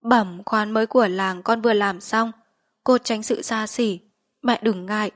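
A woman's voice: mid-range voice, steady tone, a little slow, close to an everyday voice. A woman voicing a middle-aged district mandarin, a grieving son who speaks formally and respectfully to his dying mother.

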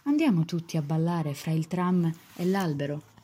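A woman's voice: low-pitched, lively intonation, normal speed, dark tone, husky. A young woman from Palermo gives a theatrical, swelling poetry reading, rising and falling in intensity. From Palermo, Sicily, Italy. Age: young adult. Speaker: art student reading a poem.

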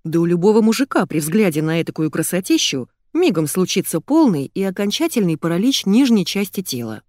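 Woman narrator, first-person audiobook, low voice, very lively intonation, dry studio sound. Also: brisk, dry recording. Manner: lively, expressive storytelling.

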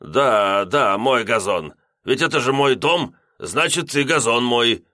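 A man's voice: medium pitch, lively intonation, slow pace, pushed and bright, dry recording, clean studio sound, voice pushed up. A man voicing a drunk, giggling heavyset lodger who talks in a silly, drawling way. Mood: tipsy.

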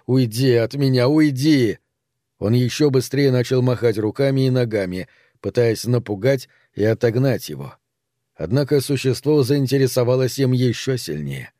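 A man reading an audiobook in a measured storytelling manner. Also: medium pitch, lively intonation, dark tone, no echo, studio quality. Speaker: narrator. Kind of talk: audiobook narration.

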